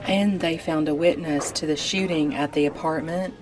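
Woman acting no-nonsense mob-world woman, low pitch, tough, 1930s gangster radio drama. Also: steady tone, normal speed, lightly acted, poor audio. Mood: stern, probing.

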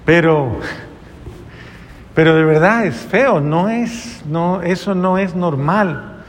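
A man's voice: high-pitched, takes it slowly, in a large hall, a little hiss or hum. A man, a priest, delivering an earnest, moralizing sermon full of rhetorical questions.

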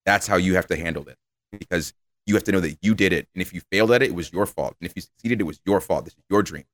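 Racing along in a low voice, a male podcast guest spins stories in a casual interview, animatedly acting out quoted voices. There's no echo.

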